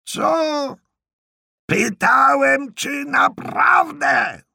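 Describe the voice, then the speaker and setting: A man voicing a tired, hungover mailman who has to shout back at a deaf old woman, in an audiobook reading. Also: very high voice, extremely slow, vocal fry, dry recording, studio quality, voice pushed up, full character voice. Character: weary, hungover middle-aged male mailman forced to shout.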